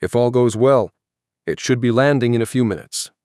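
A man voicing a patient, measured scientist. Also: mid-range voice, darkish tone, no room sound, clean studio sound, close to an everyday voice. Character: patient male scientist testifying to a committee. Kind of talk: audiobook character voice.

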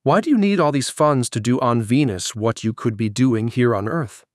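A man's voice: mid-range voice, moderate pace, no room sound, studio quality, close to an everyday voice. A man voicing a critical, condescending female senator with a nasal, whiny voice, read as an audiobook character. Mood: skeptical. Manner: skeptical, cutting, condescending.

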